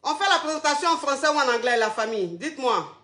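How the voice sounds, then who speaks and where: A woman hosts a casual live stream, talking straight to her viewers. Her voice sits high and sounds bright and sharp. She keeps circling back to the same question. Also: big pitch swings, fast, reverberant.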